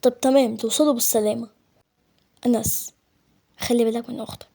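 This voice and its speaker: A woman's voice: fairly high pitch, steady tone, fast, gravelly, very noisy, pitched below the performer's own voice. A woman with an Egyptian accent voicing a kind adult male doctor in a spoken story. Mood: matter-of-fact.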